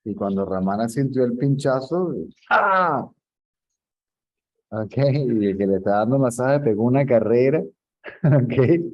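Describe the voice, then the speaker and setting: A man's voice: medium pitch, moderate pace. A man giving an informal spiritual teaching talk, telling anecdotes and often checking that his listener follows. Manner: conversational, often checks understanding, laughs at his own stories. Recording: dull lo-fi recording.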